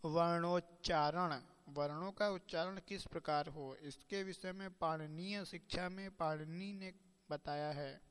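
A man teaching in a measured lecture style who slows down to recite quoted verses. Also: a little high, steady tone, fairly bright tone, smooth, in a large hall. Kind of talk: lecture on Sanskrit pronunciation.

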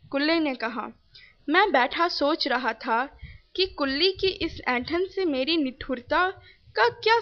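High-voiced woman reading a novel aloud. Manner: reads punctuation marks aloud. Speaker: reader. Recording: dull lo-fi recording.

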